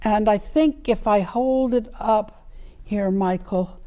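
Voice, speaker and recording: A woman talking carefully through the details of antique doll clothing in a relaxed show-and-tell chat. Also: mid-range voice, takes it slowly. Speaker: doll collector guest.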